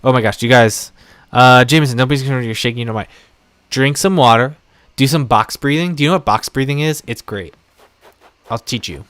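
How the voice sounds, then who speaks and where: A young adult man streaming live and chatting off the cuff, rambling from one thought to the next. His voice is smooth and resonant at a middle pitch. He sounds close to a desk mic. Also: brisk, dry recording. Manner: chatty, rambling, warm toward viewers. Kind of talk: casual live-stream chat.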